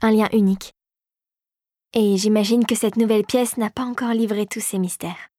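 A woman voicing a gentle older male inventor and mentor in an audiobook, softly and often in a murmur. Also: mid-range voice, steady tone, normal speed, no room sound, studio quality, close to an everyday voice. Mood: thoughtful. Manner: softer and hushed, often murmured. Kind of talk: audiobook character voice.

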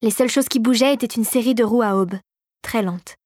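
A woman reading a storybook aloud in a calm, even voice, pitched somewhat high for a woman. Her delivery is steady and scripted. The recording is dry and close, with no room echo. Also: fairly quick. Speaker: narrator. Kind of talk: scripted audiobook narration.

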